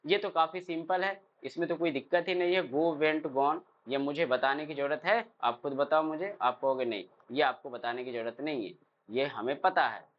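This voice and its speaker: A man's voice: fairly high pitch, moderate pace. A man teaching English verbs, who drills the word forms aloud and asks his class questions. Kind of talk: classroom lesson. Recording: dull lo-fi sound.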